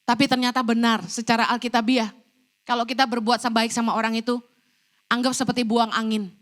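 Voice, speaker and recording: Bright, high-voiced woman preacher. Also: fairly quick. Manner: animated storytelling, acting out quoted lines. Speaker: evangelist preacher. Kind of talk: sermon. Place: church.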